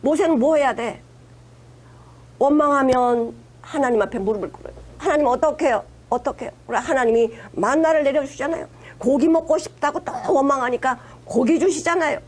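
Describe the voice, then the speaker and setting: A woman's voice: high voice, a little fast. A woman pastor preaching a conversational sermon, retelling scripture with acted-out quotes and emphatic asides.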